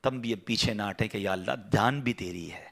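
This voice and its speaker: A man's voice: fairly low pitch, creaky, fairly bright tone. A male preacher telling a story in a sermon, emotional and full of rhetorical questions and exclamations.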